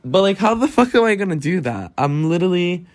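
A man's voice: sits high, sing-song, brisk. A nineteen-year-old man from Brazil talks through his worries in a solo podcast. He rambles, restarts and swears freely, packing his speech with fillers. It is recorded on his phone. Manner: anxious, rambling, swears a lot, many fillers. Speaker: podcast host.

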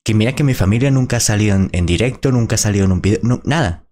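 A man's voice: lowish voice, rapid-fire, a little mellow. A man, a small content creator giving blunt, indignant reaction commentary with plenty of swearing.

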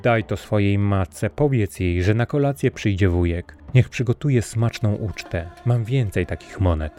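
A man's voice: lowish voice, unhurried, mellow, soft background music, close to an everyday voice. A man voicing a scheming sorcerer who poses as a kindly uncle, speaking in a sweet, sly way in a storybook reading. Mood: sugary.

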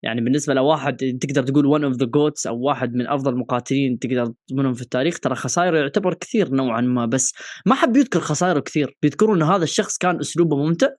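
A man's voice: mid-range voice, racing, no room sound, clean studio sound. A man with a Gulf Arabic accent co-hosting a podcast, chatting casually and posing questions, with some English words mixed in. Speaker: boxing podcast co-host.

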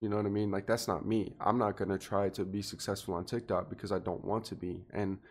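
A man's voice: on the low side, level tone, fast talker. A man in his twenties, a podcast guest, talking earnestly and reflectively in casual chat. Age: 20s. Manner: earnest and reflective, thinking aloud.

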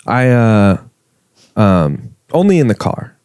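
A young man talks in a low, easygoing voice, rambling through his thoughts and swearing now and then. The recording is close and dry, with no room echo. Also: sing-song, slow pace, a little mellow, smooth. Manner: laid-back, rambling, swears casually. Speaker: podcast co-host. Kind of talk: casual podcast chat.

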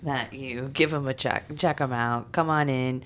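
Female co-host, enthusiastic, remarkably deep voice, faint hiss behind. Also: steady tone, measured pace, a bit bright. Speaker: podcast co-host. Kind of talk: casual chat.

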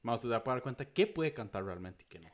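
A man's voice: medium pitch, lively intonation, fast talker. A young man with a Costa Rican accent co-hosting a podcast, chatting casually in a rambling, slang-heavy way. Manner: slangy, rambling, peppers speech with "mae". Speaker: podcast co-host. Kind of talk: casual chat.

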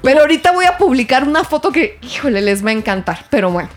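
A woman's voice: sits high, big pitch swings, fast, soft background music. A woman with a Mexican accent hosting a casual podcast chat, telling frank, self-mocking stories.

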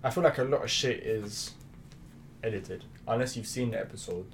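A man's voice: medium pitch, moderate pace. A young man with a London accent and urban roadman slang, chatting casually with friends. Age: young adult. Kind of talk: casual chat among friends. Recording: background noise.

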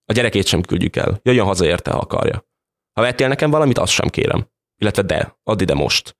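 A fed-up middle-aged woman who speaks bluntly and cuts others short, as a male reader puts her on. The lines come out curt and defiant. His voice stays low, close to his own. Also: very animated.

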